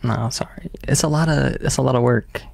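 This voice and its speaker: A man's voice: medium pitch, fairly quick, vocal fry, a little mellow, no room sound. A man of twenty-three from Michigan, chatting on a livestream in a laid-back, agreeable and amused way, recorded indoors on a phone. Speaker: livestream guest. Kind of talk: casual livestream chat. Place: room indoors.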